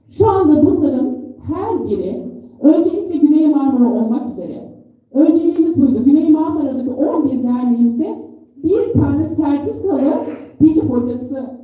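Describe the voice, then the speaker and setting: A middle-aged woman giving an earnest, deliberate public speech as a delegate at a pulpit microphone. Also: high voice, mellow. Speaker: delegate speaking at a federation congress. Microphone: podium microphone in a hall. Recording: echoey hall PA, distant microphone.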